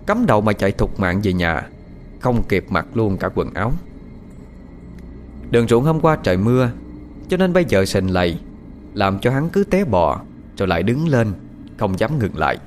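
A man narrating a ghost story as storyteller, dramatic and expressive. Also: lowish voice.

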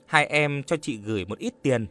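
A man's voice: medium pitch, normal speed, a bit bright, close to an everyday voice. A man reading an audiobook, voicing a polite, earnest young woman who speaks hesitantly.

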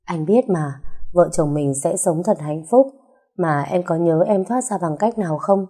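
A woman reading an audio story gives voice to a devoted young husband, speaking gently and reassuringly. His tone is low and mellow, close to the storyteller's own. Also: measured pace, slightly rough. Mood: tender.

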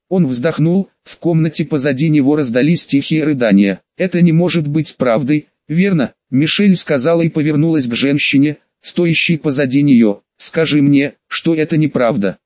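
A man reading a fantasy audiobook aloud in an even, unhurried way, voicing every character alike. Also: fairly high pitch, dry recording. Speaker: audiobook narrator. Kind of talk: scripted narration. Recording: dull, dry lo-fi recording.

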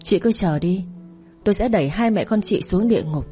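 A woman's voice: mid-range voice, brisk, mellow, faint music behind, close to an everyday voice. A woman narrator voicing a cold, vengeful young woman who declaims her threats steadily in a storytelling audio drama.

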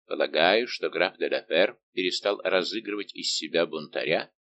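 A man's voice: on the low side, animated, moderate pace, fairly bright tone, dull audio. A man reading an audiobook, voicing a haughty young king who questions and rebukes with indignation. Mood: indignant. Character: haughty young male king, imperious and angered.

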